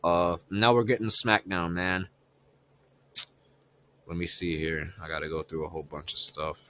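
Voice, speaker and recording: A man's voice: sits low, steady tone, moderate pace, sharp tone. A man co-hosting a podcast, recapping wrestling in loose, profane casual chat full of fillers. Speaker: podcast co-host.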